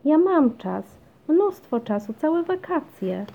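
A woman's voice: lively intonation, a little slow, slight background noise. A woman putting on a whiny, stubborn little girl. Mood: pleading. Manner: high, whiny and insistent. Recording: dull lo-fi recording.

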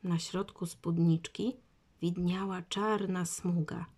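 A woman narrating a children's storybook in a measured reading voice. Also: lowish voice, fairly even intonation, darkish tone.

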